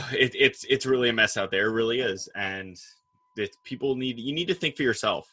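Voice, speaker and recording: Man, talk show host, husky, bright and edgy tone, casual political chat, animated. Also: mid-range voice, normal speed. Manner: animated, retells quarrels in quoted voices.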